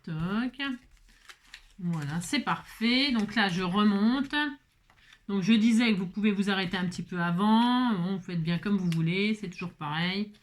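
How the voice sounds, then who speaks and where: A woman's voice: mid-range voice, measured pace. A middle-aged woman chatting casually through a crafting tutorial, rambling, restarting and stammering, with self-mocking asides. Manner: stutters and restarts often. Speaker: craft vlogger.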